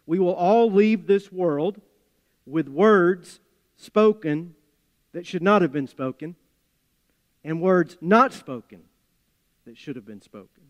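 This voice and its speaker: A man with an Appalachian accent preaching a sermon, speaking in measured, deliberate phrases with folksy turns. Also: high voice, animated, highs cut off. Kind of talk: sermon with scripture reading and storytelling. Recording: reverberant hall.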